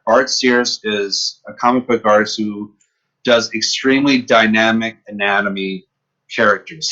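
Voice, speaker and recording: A man's voice: fairly low pitch, muffled recording. A man in his fifties from upstate New York, a podcast guest telling stories in casual chat and acting out the voices in the exchanges he recalls. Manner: lively storyteller who acts out quoted exchanges. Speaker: podcast guest, comic book artist.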